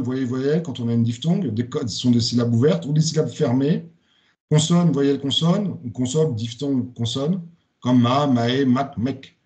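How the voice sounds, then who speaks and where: A man's voice: fairly high pitch, mellow. A man giving a spoken lecture presentation, hesitant, with many fillers and restarts.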